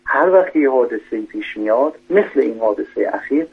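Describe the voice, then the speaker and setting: Husky man on a tinny phone line. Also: mid-range voice, animated. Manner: methodical, lists numbered points. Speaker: doctor giving parenting advice. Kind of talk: radio call-in advice. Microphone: telephone.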